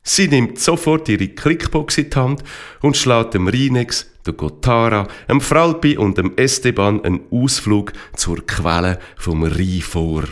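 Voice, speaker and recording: A man narrating a children's story with slow, lively reading. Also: medium pitch.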